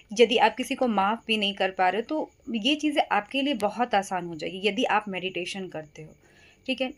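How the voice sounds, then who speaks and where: A woman hosting a self-help video, giving gentle casual advice to her viewers and checking in often with them. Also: medium pitch, rough recording. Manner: gentle, repeats "ठीक है" often. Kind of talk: casual advice talk to camera.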